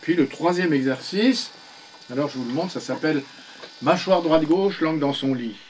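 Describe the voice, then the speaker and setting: A man's voice: fairly high pitch, normal speed, a little hiss or hum, poor audio. Older man coaching patiently, short commands. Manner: patient, gives short spoken commands, often asks "you see?". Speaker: speech therapy instructor. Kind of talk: one-on-one coaching session.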